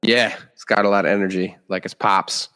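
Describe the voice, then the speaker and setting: A man with a lowish voice hosts a casual interview podcast, talking in a friendly, chummy way full of restarts. His voice carries a long reverb, as if recorded in an echoey room. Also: little pitch movement, brisk, pushed and bright. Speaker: podcast host.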